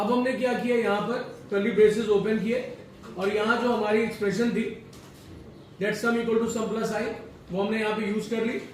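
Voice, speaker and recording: A man's voice: high-pitched, a little hiss or hum. A man teaching a programming class in a classroom, mixing Hindi with English and quizzing his students as he goes. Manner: mixes Hindi and English, asks students questions. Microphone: far from the mic. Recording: very echoey room, distant mic, faint ambience.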